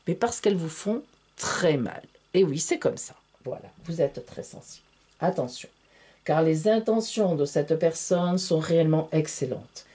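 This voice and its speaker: A woman's voice: lowish voice, dark tone, husky. A woman giving a tarot reading to camera, theatrical and exclamatory, speaking to her viewers as friends. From France. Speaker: tarot reader.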